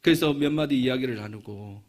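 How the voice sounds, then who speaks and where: A male pastor telling a story in a sermon, dropping to hushed asides and rising into fervent prayer. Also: medium pitch, fairly quick.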